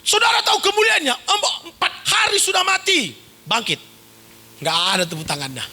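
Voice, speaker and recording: A man's voice: extremely high pitch, normal speed. A male pastor preaching a sermon, telling stories with mimicked sounds and often raising his voice for emphasis. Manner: animated storytelling with sound effects and shouted emphasis.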